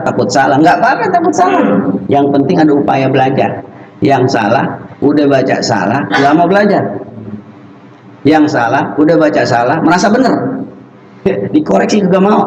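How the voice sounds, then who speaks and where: A man's voice: a little high, a little mellow. A man teaching Quran recitation in a mosque, speaking emphatically and stretching out the example sounds. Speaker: religious teacher. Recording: echoey, dull lo-fi mosque recording.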